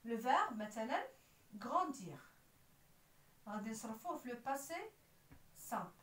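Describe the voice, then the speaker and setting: A woman's voice: a little high, very animated, a little fast, fairly bright tone. A woman with a Moroccan accent explaining French grammar as a teacher, spelling out letters and verb endings. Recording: roomy echo, voice somewhat far from the mic.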